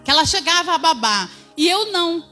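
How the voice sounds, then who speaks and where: High-voiced woman giving church testimony. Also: expressive, brisk, sharp tone, faint music behind. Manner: storytelling, addressing the congregation as brothers, acting out quotes.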